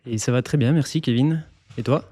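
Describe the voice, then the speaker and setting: As an interview guest, a mountain guide from eastern France answers questions in a mellow, mid-pitched voice. He explains calmly and steadily, occasionally hesitating to find his words.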